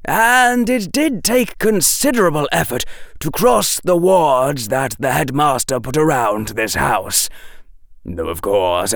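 A man voicing a dry, stern, cynical professor of magic in an audiobook, with measured, formal, condescending delivery. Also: mid-range voice, a bit bright, dry recording, voice pushed up, heavily acted. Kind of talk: audiobook character dialogue.

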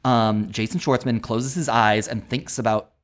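A man's voice: medium pitch, steady tone, moderate pace. A man co-hosting a podcast in casual chat, talking enthusiastically and rambling, laughing often. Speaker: podcast co-host.

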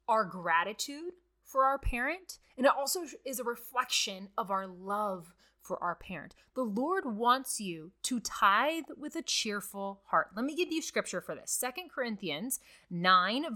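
Bright-voiced woman teaching Bible study. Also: a little high. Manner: conversational, earnest, many "like" fillers.

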